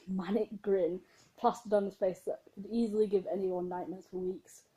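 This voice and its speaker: Woman, mellow warm voice, casual story reading, giggly, self-mocking asides. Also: mid-range voice, rough recording. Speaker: reader of her own story.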